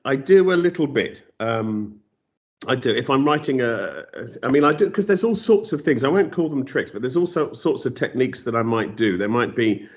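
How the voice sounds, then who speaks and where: In this interview conversation, the English novelist has a mid-range voice and sounds animated at a normal pace. He talks thoughtfully, with a self-deprecating streak and many restarts, captured on slightly dull lo-fi audio.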